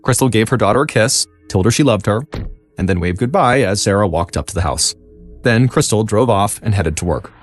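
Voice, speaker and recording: Male podcast narrator, lowish voice with lots of pitch movement; dramatic, scripted storytelling. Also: fairly quick. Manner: dramatic storytelling, lively intonation. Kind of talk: scripted true-crime narration. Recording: faint music behind.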